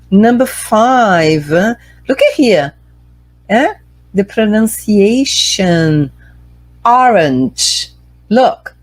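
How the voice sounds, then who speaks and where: A woman's voice: mid-range voice, darkish tone, no echo. A woman with a Brazilian Portuguese accent teaching an online English lesson, carefully drilling pronunciation and switching between Portuguese and English.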